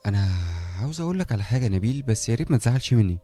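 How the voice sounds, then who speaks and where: A man's voice: mid-range voice, animated, rapid-fire, mellow, soft background music, lightly acted. A man voicing a friendly, talkative young male neighbor with an Egyptian accent who keeps asking curious questions. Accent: Egyptian Arabic.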